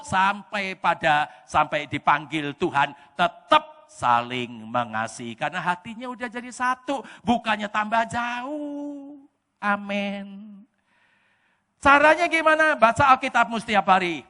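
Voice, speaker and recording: A male pastor with a Javanese-inflected Indonesian accent preaching a sermon in church, animated and often bursting into shouts. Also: very high voice, measured pace. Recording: echoey church hall reverb.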